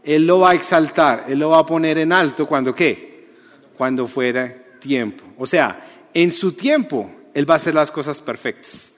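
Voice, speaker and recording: A man preaching a lively, conversational sermon to young people, often asking the audience questions. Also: a little high, normal speed. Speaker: youth preacher. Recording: long hall reverb.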